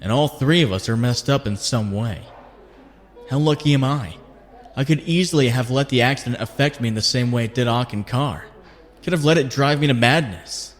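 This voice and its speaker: A man's voice: medium pitch, close to an everyday voice. A man playing a wisecracking, earnest, self-doubting young superhero in a comic dub, with a wry dramatic delivery. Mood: wry, reflective. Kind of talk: dramatic comic dub acting with inner monologue.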